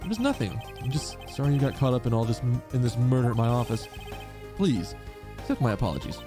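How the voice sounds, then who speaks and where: A man voicing a composed, courteous and shrewd prosecutor from a video game, in a measured, formal manner. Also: medium pitch, expressive, over music, close to an everyday voice. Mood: apologetic.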